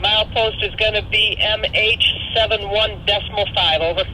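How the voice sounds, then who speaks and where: A man working as a railroad dispatcher, heard over a radio scanner with static bursts, giving orders in crisp, formal radio phrasing. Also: high-pitched, steady tone, moderate pace, bright, forceful tone, low-quality recording. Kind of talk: railroad radio procedure talk.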